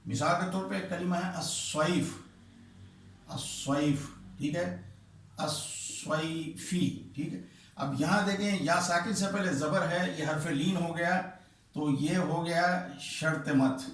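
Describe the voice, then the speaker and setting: A man with a somewhat high voice teaches the rules of Quran recitation, repeating terms patiently and drawing out vowels to demonstrate. His voice rings in a very reverberant room. He stands back from the microphone. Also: a bit bright, recorded from a distance, slight background noise. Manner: patient, repeats terms slowly, checks understanding with "ٹھیک ہے"; demonstrates by stretching vowels in chanted examples. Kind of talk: explaining recitation rules at a board.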